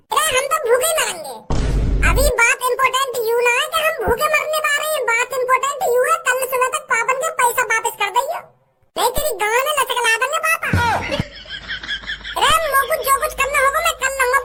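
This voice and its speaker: A performer voicing a defiant, crude village young man in a cartoon. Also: extremely high pitch. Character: cocky rough-talking village young man. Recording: loud crowd noise behind.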